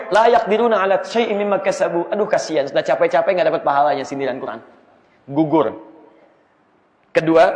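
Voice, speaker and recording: A man preaching an Islamic study sermon, asking the audience rhetorical questions in a lively way. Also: a little high. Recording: echoey hall, slightly dull sound.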